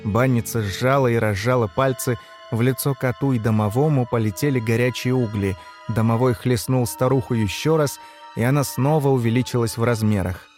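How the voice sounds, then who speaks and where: A man reading a story aloud in measured, scripted narration. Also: mid-range voice, darkish tone, faint music behind. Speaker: audiobook narrator.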